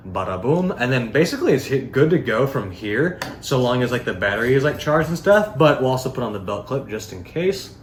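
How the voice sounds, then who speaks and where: A man with a mid-range, sing-song voice talks fairly quickly and barely pauses. He's a product reviewer doing a casual, unscripted demo that rambles informally and is full of filler words. The room is echoey, with faint background noise.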